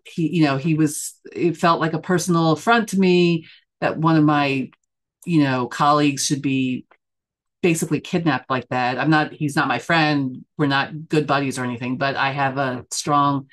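A woman's voice: low-pitched, fairly even intonation, normal speed. A middle-aged woman from the United States, talking through an interview in a thoughtful way, full of fillers and self-corrections. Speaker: church member and news editor being interviewed. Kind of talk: casual conversational interview.

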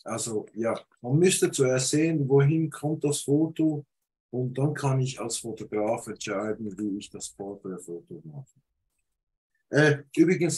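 Husky and darkish in the mid-range, a Swiss photographer's voice comes through poor audio as he bluntly critiques flyer photos on a casual video call. He has a cold and hesitates with fillers.

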